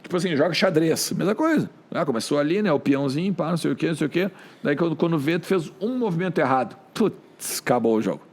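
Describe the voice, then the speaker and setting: A middle-aged man with a Rio Grande do Sul accent, a sports journalist telling stories in an animated, colloquial way on a podcast. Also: on the high side, fast talker. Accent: Rio Grande do Sul Portuguese. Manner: animated, colloquial, with frequent filler tags. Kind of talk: casual podcast storytelling.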